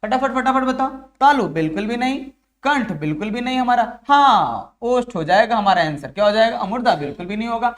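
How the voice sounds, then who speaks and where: This is a man with a high voice and a Bihari Hindi accent, teaching grammar for an exam. He keeps putting the same question to the class and then answers it himself, calling his viewers dear children. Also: expressive, a little fast. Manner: drills students with repeated questions and answers. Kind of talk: exam-prep lesson.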